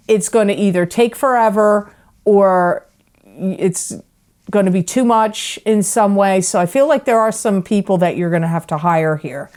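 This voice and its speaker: A woman's voice: fairly low pitch, a little mellow. A middle-aged woman giving a casual tarot reading, rambling with many fillers and restarts. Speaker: psychic tarot reader.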